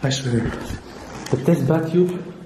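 A man's voice: a little high, slow pace. A young man from Belgium with a Belgian Dutch accent, vlogging casually to his fans in informal, exclamatory English on a handheld camera. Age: young adult. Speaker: urban exploration vlogger. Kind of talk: casual vlog commentary to fans. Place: empty rooms of an abandoned house at night. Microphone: handheld camera at arm's length. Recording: echoey empty rooms, faint noise.

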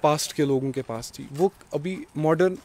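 Outdoors in a village courtyard, a young Kashmiri man of twenty-one who runs a restaurant responds to an interviewer's questions at a normal pace. His pitch is on the high side, and his earnest answers are sprinkled with English phrases, picked up on a handheld mic the interviewer holds.

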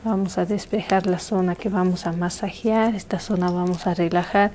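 A young woman narrating an ASMR massage in a hushed, intimate, soothing voice that is close to a whisper. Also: lowish voice, fairly even intonation, moderate pace, a little hiss or hum. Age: young adult. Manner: hushed, intimate, soothing soft-spoken delivery, dropping into whispers. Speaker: massage practitioner. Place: small living room, indoors.

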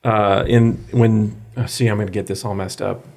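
A man's voice: on the low side, steady tone, moderate pace, gravelly, darkish tone. A man who is a writer and producer, chatting as a podcast guest and telling a story with restarts. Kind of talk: casual podcast chat.

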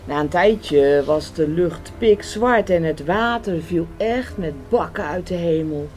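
A woman reading a children's picture book aloud, gentle and expressive. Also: on the low side, slow pace, soft background music. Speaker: storyteller.

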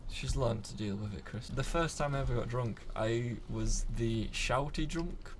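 A tipsy man commentating a shooter game with friends, goofy and prone to sudden shouts and quoted lines. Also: medium pitch, normal speed, a little hiss or hum. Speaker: gameplay commentator. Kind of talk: drunken let's-play banter.

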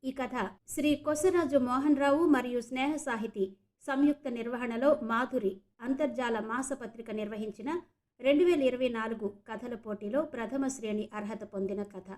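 A woman's voice: on the high side, normal speed, darkish tone. A woman from Andhra Pradesh, hosting an audiobook channel and reading a short story aloud. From Andhra Pradesh, India. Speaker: audiobook narrator. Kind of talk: storytelling narration.

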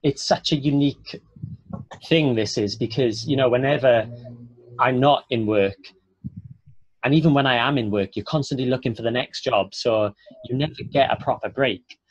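A young man from Wales, an actor appearing as a guest, speaks with a Welsh accent in loose stretches packed with fillers and restarts during a casual video call. His mid-range voice carries a breathy edge at a moderate pace, recorded dry and slightly dull through an earphone mic.

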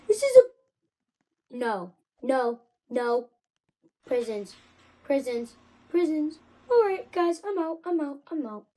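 A young woman giving casual game commentary, excitable and jumpy, swinging from nervous mumbles to loud surprised outbursts. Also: a little high, rough recording. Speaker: gaming channel host.

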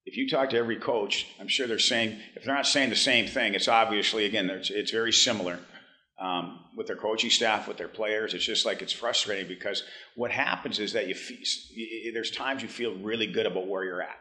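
Brief: man in his 50s, hockey head coach, postgame press room, halting and blunt, bright timbre. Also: on the low side. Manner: halting, restarts often, blunt and frank. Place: press room in front of a team backdrop.

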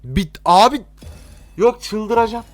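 A man's voice: high voice, expressive, takes it slowly, no room sound. A young man with a Turkish accent commentating his own gameplay for his channel viewers, exasperated and swearing at the game. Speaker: gaming YouTuber.

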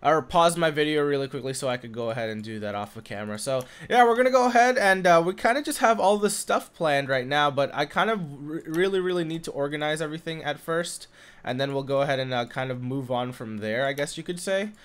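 A young man with a stuffy nose from being sick, rambling casually over his gameplay with lots of fillers and bursts of excitement. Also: a little high, quick pace, clear, resonant tone. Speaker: gaming YouTuber. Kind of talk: casual Minecraft let's play commentary. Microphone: condenser desk mic.

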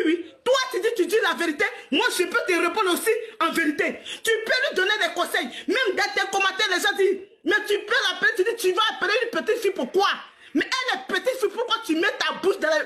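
A woman in her forties rants on a live stream in a very high, bright, forceful voice. She scolds at length, laughs often, and keeps repeating herself. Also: fairly quick. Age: 40s. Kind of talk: heated live-stream rant.

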